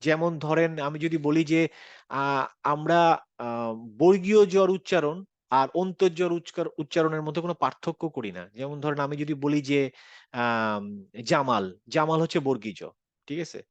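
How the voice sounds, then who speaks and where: A man's voice: on the high side, brisk, no room sound, dull audio. A man with a Bangladeshi Bengali accent, teaching an online Quran reading class and patiently explaining with English phrases mixed into his Bengali.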